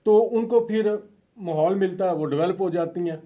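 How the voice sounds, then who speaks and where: Guy w a mellow higher voice, guest explaining health stuff, polite. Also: moderate pace. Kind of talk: casual health talk.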